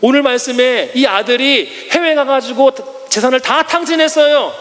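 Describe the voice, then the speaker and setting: A man's voice: very high voice, normal speed, big-room sound. A male pastor giving a Sunday sermon, telling the story animatedly with rhetorical questions. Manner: animated storytelling with acted quotes. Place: church sanctuary.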